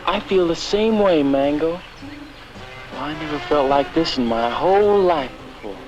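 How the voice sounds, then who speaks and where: A naive, lovesick American fellow in an old film comedy. His high voice rises and falls freely on a dull soundtrack with faint music. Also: expressive, measured pace. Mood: smitten. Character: lovesick, naive, easygoing young American man.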